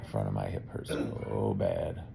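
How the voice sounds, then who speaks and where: A man's voice: extremely low pitch, expressive, unhurried, gravelly, over a noisy crowd. A man in his fifties recording a nervous, rambling video diary on his phone, first from a car and then from a hospital room. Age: 50s. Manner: nervous, rambling, self-deprecating. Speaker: vlogger.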